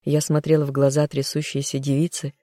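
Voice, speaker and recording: An audiobook reader tells a first-person story in a measured, even way. The voice is mid-pitched with a dark, mellow tone, recorded close in a dry space with no echo. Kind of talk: first-person scripted narration.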